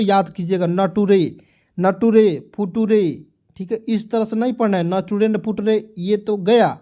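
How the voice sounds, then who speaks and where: A man gives a spoken pronunciation lesson in a relaxed, mellow voice. He spells out letters, repeats each word slowly, and keeps turning to his viewers as friends with questions about how the word should sound. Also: sits high. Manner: repeats words slowly, often asks the viewers what the word reads; addresses viewers as friends over and over. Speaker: English pronunciation teacher.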